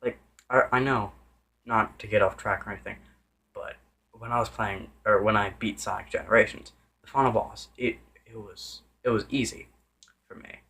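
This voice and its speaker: A man's voice: lowish voice, steady tone, moderate pace, creaky, sharp tone, slightly rough. A man giving a casual, unscripted game review, rambling with many restarts and self-corrections and sometimes losing his train of thought.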